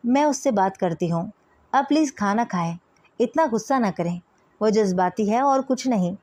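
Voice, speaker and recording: A woman reading the part of a mother who calmly soothes her angry husband. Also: mid-range voice, normal speed, dry recording, natural voice. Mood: soothing. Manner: soothing, placating.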